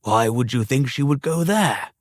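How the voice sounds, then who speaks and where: A man's voice: medium pitch, lively intonation, moderate pace, dry recording, studio quality, pitched above the performer's own voice, lightly acted. A man voicing Scrooge, an old man, anxious and questioning, in an audiobook reading.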